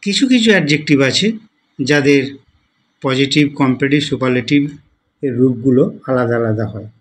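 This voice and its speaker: A man teaching English grammar to students, explaining slowly, spelling words out letter by letter and asking the class questions. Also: medium pitch, rough recording. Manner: spells words letter by letter, repeats forms patiently; asks the class questions to guide them. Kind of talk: slow explanatory lesson.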